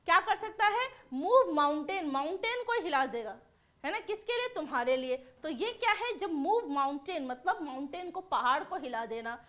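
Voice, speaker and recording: A woman's voice: high-pitched, animated, normal speed, fairly bright tone. A woman teacher giving an exam-prep lesson. She talks in a chatty way, asks rhetorical questions, answers them herself and often adds tag questions.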